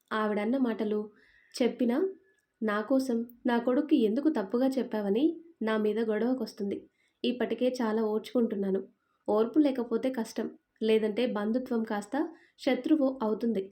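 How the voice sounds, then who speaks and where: A woman's voice: on the high side, fairly even intonation, normal speed, warm tone, lightly acted. A woman voicing a patient, hurt young wife. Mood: tearful pleading.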